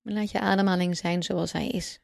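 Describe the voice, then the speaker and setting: Meditation guide, female: low, slightly creaky voice, calm unhurried instruction, long pauses, close dry sound. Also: dry recording. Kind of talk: guided breathing meditation narration.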